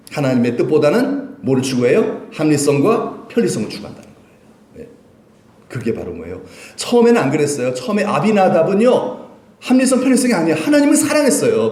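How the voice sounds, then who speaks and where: A male pastor preaching a sermon. He asks the congregation questions and answers them himself, swinging from loud emphasis to quiet, low lines. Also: huge pitch swings, brisk. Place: church sanctuary. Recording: echoey church hall.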